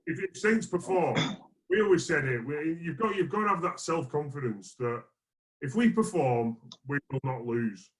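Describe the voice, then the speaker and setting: A man's voice: fairly high pitch, lively intonation, moderate pace, rough recording. A man speaking earnestly as a player in a casual sports discussion, repeating phrases for emphasis. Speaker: rugby league player guest.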